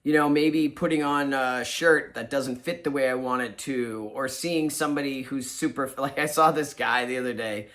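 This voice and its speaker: A man's voice: medium pitch, moderate pace, few pauses, fairly bright tone. A man co-hosting a recovery talk show, speaking candidly and self-deprecatingly in a rambling, casual way. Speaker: podcast co-host. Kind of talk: casual reflective chat.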